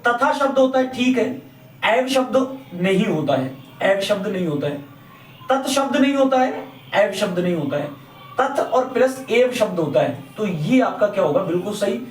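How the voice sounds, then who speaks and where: A man's voice: sits high, expressive, normal speed, soft background music. A man teaching a Hindi grammar lesson. He repeats his points and asks the class questions, then answers them himself. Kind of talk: classroom lecture. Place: classroom or coaching room. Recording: echoey room, mic at a distance.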